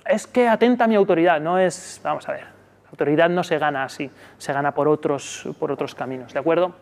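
Spanish man leading a workshop, high voice. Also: fairly quick, long reverb tail. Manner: peppers sentences with "¿vale?"; acts out soothing talk to a child in a high voice. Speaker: psychologist giving a workshop. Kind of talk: live workshop talk. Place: conference room.

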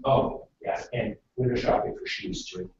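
A man's voice: normal speed, darkish tone, a little hiss or hum. A man from western Canada leading a live classroom presentation in front of an audience. He talks in a chatty way and keeps checking in with "okay?". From British Columbia, Canada. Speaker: workshop presenter. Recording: roomy, distant, dull room recording.

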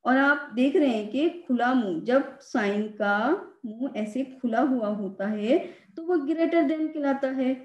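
Slow, patient woman teacher, high voice. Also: a little mellow, roomy sound, muffled recording. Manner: slow, patient explaining, repeats and stresses key words. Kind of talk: classroom math lesson.

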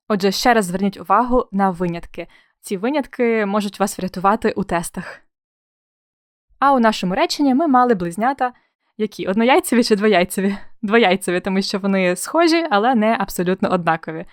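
A woman's voice: mid-range voice, dry recording, studio quality. A young woman teaching an exam-prep spelling lesson, explaining in a friendly way with playful comparisons and questions to the viewer.

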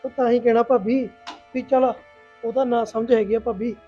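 A man's voice: very high voice, fairly even intonation, moderate pace, slightly rough, dull audio, soft background music. A man playing an easygoing young husband in a joint family, placating both his wife and sister-in-law. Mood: coaxing. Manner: placating, peacemaking. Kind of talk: Punjabi family sketch acting.

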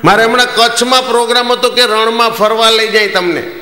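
A man's voice: very high-pitched, fairly even intonation, a little fast, bright, forceful tone, slight background noise. A man from Jamnagar with a Kathiawadi Gujarati accent, telling jokes on stage in a folksy storytelling manner and acting out the dialogue. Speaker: stand-up comedian. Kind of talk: stand-up joke telling. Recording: echoey hall, live stage.

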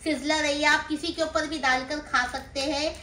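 A middle-aged Mumbai-accented vlogger chats casually about groceries, explaining items and adding little check-in questions. She has a high-pitched, sharp voice with a steady tone and moderate pace. She sits on the floor in a small indoor room, filmed by someone nearby on a phone, and the sound has roomy echo and faint background noise.

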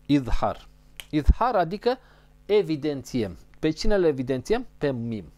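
A male teacher gives a patient recitation lesson in a fairly high voice whose pitch moves up and down a lot. He breaks each rule into small steps and repeats every key term. Now and then he stops to sound out letters as examples. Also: big pitch swings, mellow. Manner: explains step by step and repeats key terms; models Arabic sounds mid-sentence. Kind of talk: spoken lesson on recitation rules.

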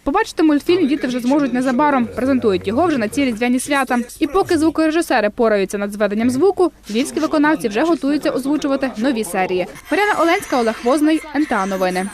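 A woman's voice: high voice, animated, very fast, hardly any pauses, darkish tone. A woman reporter delivering a scripted news voice-over.

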